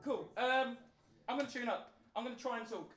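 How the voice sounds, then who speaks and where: An English man from England, a singer-songwriter and comedic performer, sings and chats with the crowd at a live music venue in rambling, self-deprecating banter. His voice is extremely high-pitched and brisk. Recorded on a vocal mic and filmed from the audience, the echoey venue has guitar and music in the background.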